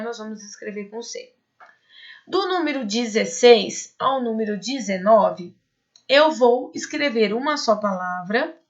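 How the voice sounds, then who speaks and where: A woman teaching a Spanish class to high school students, explaining step by step and checking in with quick tag questions. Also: muffled recording. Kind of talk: online class lesson.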